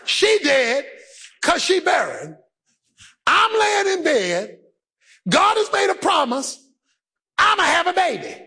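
A pastor delivers a shouted sermon in an extremely high, wildly swooping voice that sounds pushed and bright. He moves slowly and pauses often, calling out and half-singing his lines in a rising chant while acting out the voices of the people he preaches about, including the believer's inner voice.

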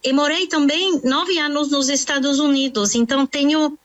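Woman, nutritionist, earnest explainer, slightly high voice. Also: steady tone, moderate pace. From France. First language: French. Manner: earnest, explanatory, with many fillers and restarts. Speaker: nutritionist, author. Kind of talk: interview answer.

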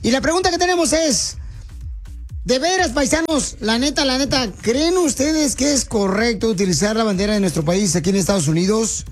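Brash high-voiced radio host. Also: male voice, animated, moderate pace, soft background music. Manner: brash, teasing, insulting the caller. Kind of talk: call-in radio talk.

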